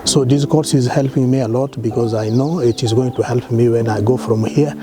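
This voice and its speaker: A priest from South Sudan giving an interview testimony, halting and repeating words as he goes. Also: mid-range voice, fairly even intonation.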